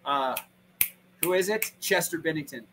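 Casting: high bright man, crude rambling streamer, faint hum in the background. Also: lively intonation, moderate pace, rough recording. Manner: rambling, profane, acts out imagined pranks in put-on voices. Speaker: guest. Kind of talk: crude casual chat on a stream.

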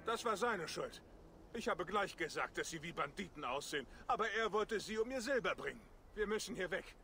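A man's voice: high-pitched, lively intonation, a little fast, sharp tone, soft background music, full character voice. An actor playing an anxious, pleading Norse man in a video game. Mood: anxious, defensive. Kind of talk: video game character dialogue.

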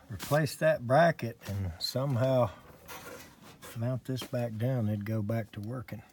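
Slow-talking HVAC tech vlogging. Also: male voice, medium pitch, noisy background. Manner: slow, plain-spoken, thinking aloud. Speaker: HVAC technician. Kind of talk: on-the-job vlog narration. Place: cramped crawl space under a house.

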